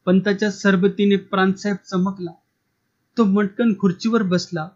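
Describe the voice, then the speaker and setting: A man narrates a story in an expressive, dramatic manner. His voice is high. The recording sounds dull and lo-fi. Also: normal speed.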